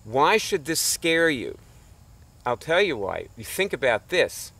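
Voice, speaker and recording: Pitched on the high side, his voice is sing-song, unhurried, creaky, pushed and bright. A middle-aged founder of a nonprofit teaching alternative healing, he spins a wandering tale in an informal lecture, with frequent chuckles, filler words and restarts.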